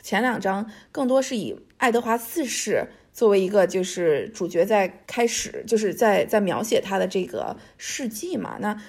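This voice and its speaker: A woman's voice: medium pitch, moderate pace, few pauses, a little mellow, husky. A woman talking as a guest author, telling history in a casual, chatty, colloquial way and often checking that the listener follows. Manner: chatty, colloquial, often seeking agreement with tag questions. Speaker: author guest discussing their history book. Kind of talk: casual conversational storytelling.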